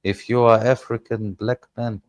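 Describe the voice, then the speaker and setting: A man, speaking English as an in a casual panel chat and often pausing to search for words. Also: medium pitch, little pitch movement, darkish tone, dry recording. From Germany. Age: 30s. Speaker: panel guest.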